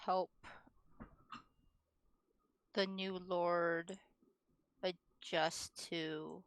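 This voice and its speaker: A woman's voice: fairly low pitch, level tone, extremely slow, clear, resonant tone, dry recording. A woman improvising in character as a player in a tabletop game, hesitant and formally worded. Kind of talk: improvised in-character role-play.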